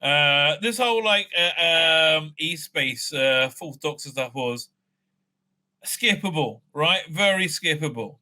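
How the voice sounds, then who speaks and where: A man whose voice sits a little high speaks slowly and expressively, his tone sharp. As host of a fan review show, he rants bluntly in a casual, opinionated way, swearing plenty, sounding exasperated, and tagging points with a questioning "right?"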